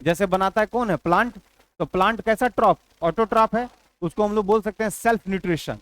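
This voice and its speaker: A man's voice: high voice, a little fast, fairly bright tone, dry recording. A male teacher giving an exam-prep biology lecture, repeating key points and dictating notes, asking and answering his own questions.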